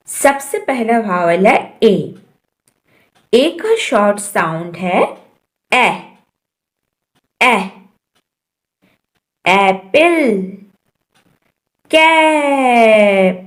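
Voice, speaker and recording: A woman with an Indian accent teaching a phonics lesson to parents, slowly sounding out each letter. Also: mid-range voice. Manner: slow, drawn-out sounding of letters.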